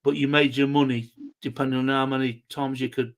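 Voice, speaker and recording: A man's voice: mid-range voice, flat delivery, fairly quick. A man with a South Derbyshire, East Midlands accent, chatting casually in an informal, matey way. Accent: South Derbyshire, East Midlands English. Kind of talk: casual chat.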